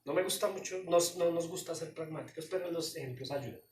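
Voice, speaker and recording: A man's voice: a little high, brisk, slight background noise. A man preaching a sermon as pastor, emphatic and pleading, speaking straight to his listeners. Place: church hall. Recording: echoey hall, voice from far off.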